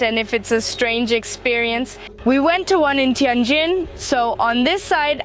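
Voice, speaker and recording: Travel vlogger: woman from Mexico, high-pitched, curious and chatty. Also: slight background noise. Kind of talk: travel vlog narration.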